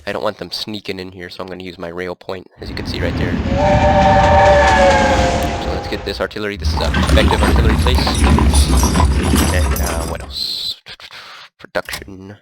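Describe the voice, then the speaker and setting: Thinking out loud in a relaxed, rambling way, a gameplay commentator records casual let's play commentary on a strategy game. He's low-pitched and moderately paced with long pauses, sounds congested, coughs, and is heard over loud background noise.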